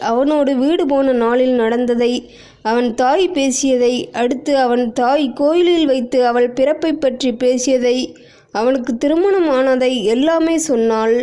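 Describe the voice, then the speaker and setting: A woman narrating a novel aloud in a steady, measured way. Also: sits high. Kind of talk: novel reading.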